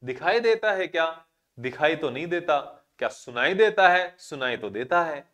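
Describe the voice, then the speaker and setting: A man's voice: on the high side, expressive, moderate pace, a bit bright. A male physics teacher, giving a classroom lecture and explaining through rhetorical questions and everyday examples.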